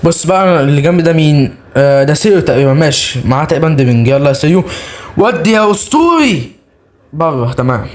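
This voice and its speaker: A young man with an Egyptian accent, hosting a gaming channel and giving excited live commentary as he plays, cheering his players on. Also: fairly high pitch, quick pace. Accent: Egyptian Arabic.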